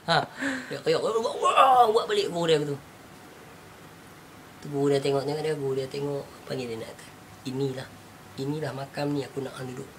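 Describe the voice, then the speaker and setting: With a fairly high voice, a moderate pace and long pauses, a man speaking Northern Malaysian Malay narrates a teaching story in a relaxed conversation. He is an animated storyteller who acts out quotes and laughs easily, with faint noise in the background.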